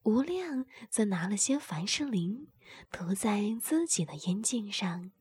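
A woman narrating an adult audio story in a slow, unvoiced whisper, as whispered role-play. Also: medium pitch, sing-song, a little mellow, breathy edge, no room sound.

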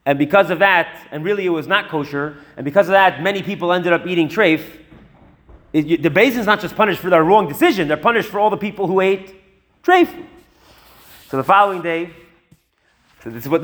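High-voiced man telling a teaching story. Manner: animated, chatty asides with repeated words. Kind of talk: storytelling lesson.

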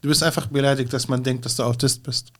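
A man's voice: medium pitch, level tone, fast. A young man, a stand-up comedian, chatting casually and teasing his co-host, with hesitant fillers. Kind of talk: casual podcast chat.

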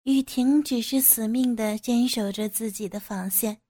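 A woman reading an audio story aloud with steady, even storytelling narration. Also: on the high side, moderate pace.

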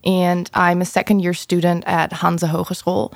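A young woman from Germany speaks with a gravelly, slightly low voice. She is a student guest who tells her experiences in an articulate, reflective way, and the recording is very dry. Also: level tone, normal speed, no room sound. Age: 20s. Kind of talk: podcast discussion.

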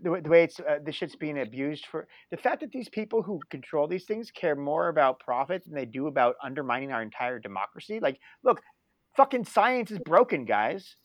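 A man's voice: on the high side, animated, fairly quick, few pauses, no room sound. A man co-hosting a casual panel chat, talking in a heated, profane way and laughing often. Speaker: podcast co-host.

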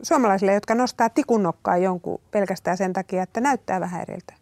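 Female interviewer with a creaky voice, halting questions, close dry mic. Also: mid-range voice, darkish tone, no echo. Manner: hesitant questions with fillers.

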